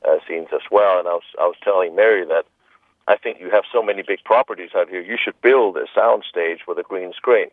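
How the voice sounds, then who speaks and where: Deep-voiced man on a tinny phone line. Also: a little fast, no room sound. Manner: joking, rambling, with repeated restarts. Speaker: film director being interviewed. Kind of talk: casual radio interview.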